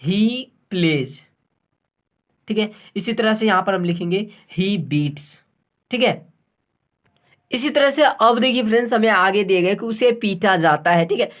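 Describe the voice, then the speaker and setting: A male teacher works through a grammar tutorial at an unhurried, patient pace. He asks a question, pauses, and answers it himself. He repeats each phrase and spells words out letter by letter as if writing them on a board. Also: sits high, expressive, a bit bright. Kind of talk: online tutorial lesson.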